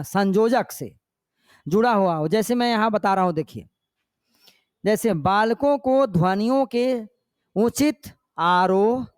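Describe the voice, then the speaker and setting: An older male teacher giving an exam-prep lecture. He often checks that the class understands and dictates notes slowly. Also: sits high, no echo, clean studio sound. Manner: checks understanding with repeated questions; demonstrates slow, paused recitation.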